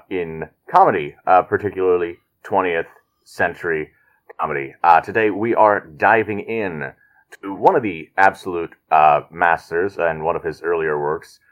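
A man with a deep, low-pitched voice hosts a comedy podcast. He speaks casually, answering his co-host's jokes with dry, unhurried remarks. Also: dull audio. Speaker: podcast host.

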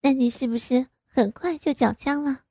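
A woman's voice: sits high, normal speed, warm tone, breathy edge, no echo, pitched above the performer's own voice. A woman voicing a coy, pouty young married woman in an audio story, speaking in a raised, wheedling voice.

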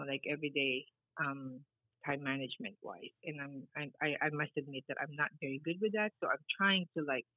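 A woman's voice: low-pitched, husky, no echo. Middle-aged woman as interview guest; meandering, filler-heavy answers over a tinny, dry line. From Philippines. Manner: rambling, many fillers, laughs easily. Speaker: guest, baker and business founder.

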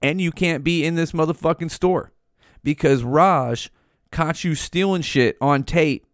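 A man's voice: on the high side, measured pace, no echo, studio quality, pitched above the performer's own voice, natural voice. A man voicing a no-nonsense store clerk throwing out a shoplifter. He is firm, matter-of-fact and profane, with the voice lifted a little above normal. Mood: firm dismissal. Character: blunt male store clerk turning away a thief.

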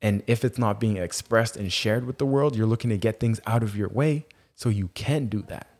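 A man's voice: on the low side, moderate pace, darkish tone. A man hosting a podcast in an earnest motivational spiritual monologue, using Rasta-style turns of phrase and repeating key phrases for emphasis. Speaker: podcast host.

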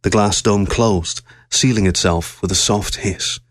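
A man narrating a science-fiction story aloud with steady, measured storytelling. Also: fairly low pitch, no echo, clean studio sound.

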